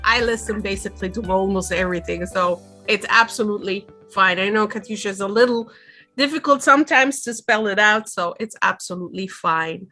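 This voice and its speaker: Bright-voiced woman teaching makeup. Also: medium pitch, a little fast, soft background music. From Switzerland. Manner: earnest, explaining step by step. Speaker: makeup artist. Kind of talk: webinar talk.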